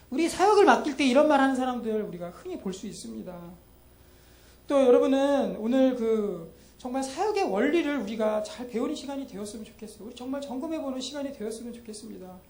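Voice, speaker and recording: Woman preaching in an echoey church. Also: fairly high pitch. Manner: conversational, asks the congregation questions and answers them; acts out dialogue in lively quoted voices. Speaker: junior pastor. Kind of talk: Sunday sermon. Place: church sanctuary. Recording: echoey church hall with faint noise.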